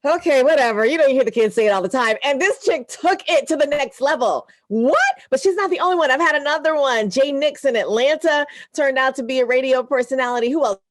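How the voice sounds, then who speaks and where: A woman radio broadcaster, a guest, telling personal stories in an earnest, animated way and laughing easily. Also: sits high, quick pace, hardly any pauses, no echo, studio quality. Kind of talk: heartfelt conversational storytelling.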